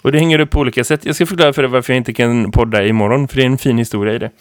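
A man in his thirties, a teacher co-hosting a podcast, who tells stories in a lively, rambling way full of fillers. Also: medium pitch, no room sound, studio quality. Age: 30s. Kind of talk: casual podcast chat.

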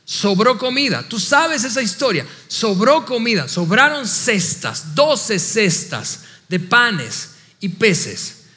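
High-voiced man preaching in a hall. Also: slow pace. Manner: animated preaching, acts out doubting voices. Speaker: pastor. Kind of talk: sermon.

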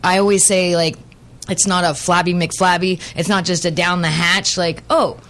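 A woman's voice: on the low side, little pitch movement, moderate pace, fairly bright tone. A woman winemaker, a guest on a radio talk show, chatting enthusiastically and laughing often. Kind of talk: casual radio chat.

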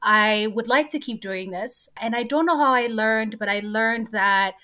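A woman's voice: fairly high pitch, unhurried, pushed and bright. A young woman from Ethiopia, a computer scientist, talking animatedly and laughing often in an interview. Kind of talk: casual interview talk.

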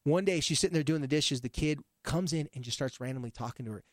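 A male therapist chatting casually, an animated storyteller who jumps between topics. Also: on the high side, fast, no echo, studio quality. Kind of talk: casual podcast chat.

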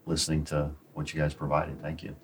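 A man hosting an interview show in a conversational, slightly halting way, repeating words as he goes. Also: very deep voice, completely flat delivery, slight background noise. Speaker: show host.

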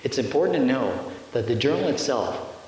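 A man giving a measured, explanatory lecture-style narration. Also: medium pitch, very animated, a little mellow. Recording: echoey hall with faint hiss.

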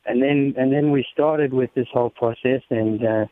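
This medium-pitched man speaks at a normal speed with fairly even intonation and no room sound. He is a South African motorcycle race team member telling stories casually as an interview guest, often repeating words, over a muffled narrow-band phone or radio connection.

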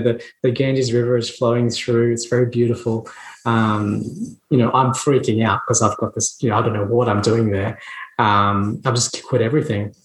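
A man in his thirties, a dentist appearing as a podcast guest, tells his story in conversational fashion, earnest and reflective, often restarting sentences and laughing. His voice is mid-range, and the recording is rough and reverberant.

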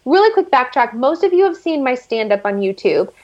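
In a casual interview, a guest actress chats and tells stories packed with "like" fillers. Her voice is high, sing-song, and brisk, and the recording sounds muffled.

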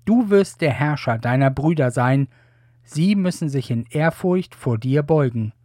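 A man's voice: fairly high pitch, lively intonation, unhurried, mellow, no room sound, studio quality. A man reading an aged patriarch, solemn. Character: aged blind patriarch giving blessings.

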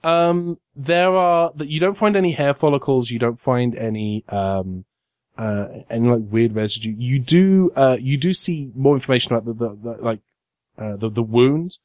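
Man as game master, casual and halting, dry close mic. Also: medium pitch, lively intonation, no room sound, dull audio. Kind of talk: running a tabletop game.

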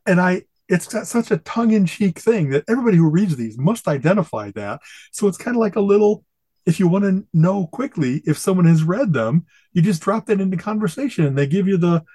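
A man's voice: high voice, animated, brisk, warm tone, slightly rough, no room sound. Enthusiastic rambling man on a podcast. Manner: enthusiastic, rambling, quotes catchphrases with relish. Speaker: podcast co-host. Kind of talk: casual chat.

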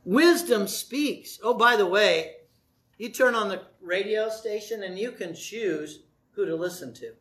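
Animated high-voiced male preacher. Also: a little slow. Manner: folksy, animated preaching with asides and jokes. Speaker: pastor. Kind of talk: sermon.

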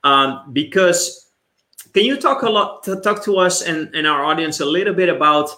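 An eager male host with a fairly high, bright and edgy voice, often restarting his sentences in his excitement. He is heard in a roomy, echoing space. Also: normal speed. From immigrant background. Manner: enthusiastic, stumbling restarts. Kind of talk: hosting a live online interview show.

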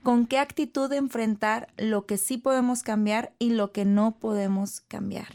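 A woman hosts a conversation about personal growth. She sums up her guest's ideas in a calm, reflective way. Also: fairly high pitch, a little slow. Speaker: host. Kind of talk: talk show conversation.

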